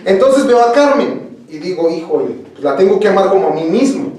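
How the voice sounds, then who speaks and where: A man's voice: sits high, lively intonation, fairly quick, dark tone. A young man with a Mexican accent preaching an interactive sermon in a church hall. He talks conversationally, makes jokes and quizzes the congregation. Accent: Mexican Spanish. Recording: echoey room, voice from far off.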